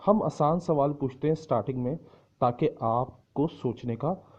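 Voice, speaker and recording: A man teaching English who speaks slow, careful English lines and then explains them quickly, sometimes acting out the shouted answers. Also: medium pitch. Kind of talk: explaining in a lesson, switching between slow English lines and fast Urdu explanation. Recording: dull lo-fi recording.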